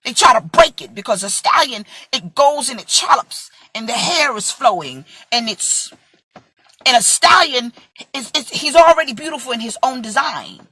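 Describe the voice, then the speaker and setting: Bright husky-voiced preaching woman. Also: high voice, animated, moderate pace, no room sound. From Brooklyn, USA. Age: 40s. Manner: impassioned, emphatic, acts out quoted voices. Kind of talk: vlog sermon.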